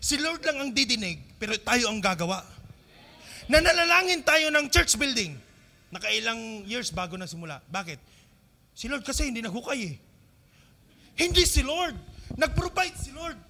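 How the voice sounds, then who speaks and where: High, bright-voiced Filipino pastor preaching. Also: male voice, sing-song, normal speed, gravelly, long pauses. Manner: mixes English phrases into his preaching, asks the congregation questions; swings between loud emphatic lines and quiet low asides. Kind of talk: sermon.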